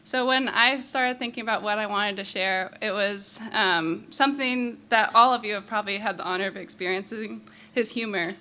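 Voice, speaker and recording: A woman's voice: mid-range voice, normal speed, hardly any pauses, bright, forceful tone. A woman, a younger sister, giving a prepared memorial speech in a fond, humorous way. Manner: fond and humorous, laughing between lines.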